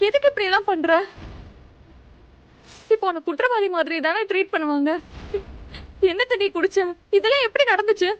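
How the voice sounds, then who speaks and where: A worried, pleading young wife. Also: female voice, extremely high pitch, animated, moderate pace, pauses often, highs cut off. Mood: anxious. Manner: anxious, pleading, near tears. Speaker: Kavya, elder sister-in-law. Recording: TV drama with loud background music.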